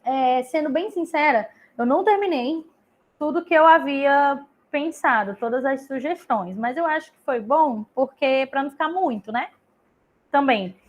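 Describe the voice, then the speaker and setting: A woman walks parents through reading activities. She talks chattily, piling up examples and tagging her points with quick questions to keep them with her. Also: high voice, expressive, highs cut off. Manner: chatty, explains with examples, many tag questions. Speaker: literacy tutor leading a parent meeting. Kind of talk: online group session, casual explanation.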